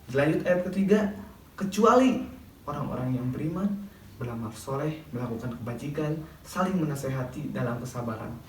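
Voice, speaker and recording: A man speaking as an Islamic preacher, giving didactic, sermon-like advice and addressing listeners as friends. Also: fairly high pitch. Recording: echoey room, distant mic, faint noise.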